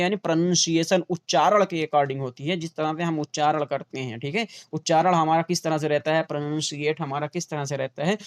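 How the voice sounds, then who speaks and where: A man teaching an online grammar lesson for a teacher exam, asking questions and answering them himself, repeating example words slowly, with an Urdu-inflected accent. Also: a little high, no room sound. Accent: Urdu-inflected Hindustani.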